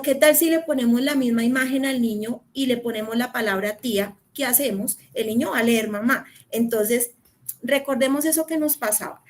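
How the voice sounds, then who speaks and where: High-voiced woman training teachers. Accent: Colombian. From Colombia. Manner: warm, earnest, addresses teachers as "profes".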